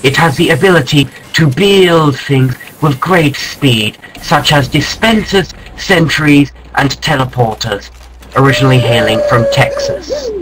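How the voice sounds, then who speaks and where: A man narrating a mock nature documentary in a mock-serious, deadpan way, breaking into startled exclamations. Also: on the high side, measured pace, background noise.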